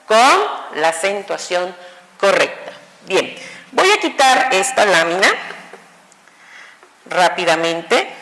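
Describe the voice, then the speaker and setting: Slow, deliberate woman teacher in echoey room. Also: lowish voice, a bit bright. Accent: Mexican Spanish. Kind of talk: online grammar class. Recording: echoey room with long reverb.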